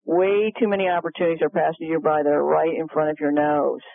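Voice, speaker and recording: A woman guest speaker telling a story on a call-in show, animated and quick to laugh. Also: deep voice, vocal fry, no room sound. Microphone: telephone. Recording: tinny phone line, dry.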